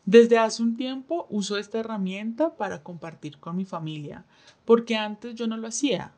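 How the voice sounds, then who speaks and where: A woman interpreting a signed interview aloud in the first person, with a measured, steady delivery and pauses. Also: on the high side. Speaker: sign language voice interpreter.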